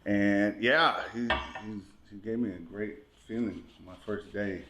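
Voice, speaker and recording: A man's voice: on the low side, a little slow. A man hosting a podcast in an easygoing way, asking short questions and answering with brief "right" and "mm-hmm.". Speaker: podcast host. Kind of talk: casual interview hosting. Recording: roomy echo with faint noise.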